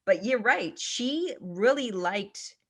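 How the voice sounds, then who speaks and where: A woman's voice: fairly high pitch, animated, slow, a bit bright. A woman co-hosting a podcast, chatting casually and laughing as she talks. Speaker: podcast co-host. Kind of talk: casual chat.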